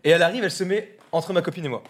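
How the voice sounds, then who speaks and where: A young man on a live stream, telling a funny story in a casual chat, with lots of fillers and laughs. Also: sits high. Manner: fast, laughing, many fillers. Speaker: content creator on a live stream.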